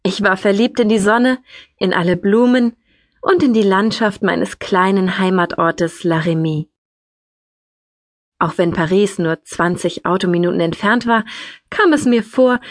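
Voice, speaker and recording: A woman's voice: a little slow, dry recording. Woman narrating an audiobook, dry close sound. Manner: lively storytelling, rises in pitch for quoted speech. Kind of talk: scripted first-person narration.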